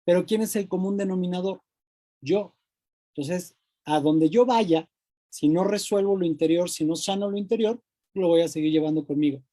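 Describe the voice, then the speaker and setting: A Mexican man giving a lively, colloquial motivational talk, acting out voices of the mind and a friend. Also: high-pitched, normal speed. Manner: animated, colloquial, acts out inner voices. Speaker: speaker.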